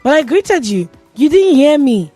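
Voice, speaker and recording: A woman with a Nigerian accent hosts a casual tech talk show in a radio studio. Her high voice is sing-song, mellow, and unhurried, and she's chatty and playful, laughing often. Faint music plays behind her.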